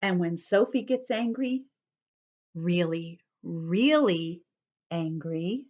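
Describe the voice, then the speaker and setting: On the low side and darkish in tone, her lively, slow reading of a picture book keeps young listeners engaged while she explains words and sometimes whispers. The recording sounds muffled.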